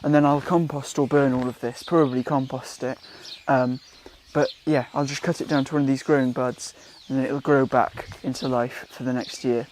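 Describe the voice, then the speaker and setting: A young man from Wales talks casually through his garden jobs, mid-pitched and unhurried. He fills gaps with ums and corrects himself as he goes. He is recorded outdoors with faint birdsong behind him. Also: a little hiss or hum. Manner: relaxed, chatty, with frequent ums and self-corrections. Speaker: gardening vlogger. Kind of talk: casual how-to vlog.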